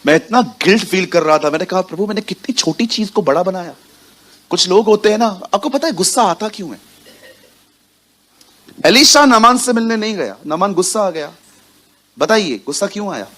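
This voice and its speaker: A man's voice: high-pitched, animated, normal speed, long pauses, sharp tone. A young man preaching a sermon, talking in a chatty way and often putting questions to the congregation. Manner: conversational, quizzes the congregation, mixes in English words. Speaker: pastor.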